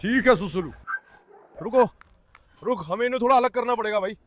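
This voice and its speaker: A man's voice: high voice, fairly quick, background noise. A man talking casually to his dogs and viewers on his farm, coaxing and scolding them and calling them son.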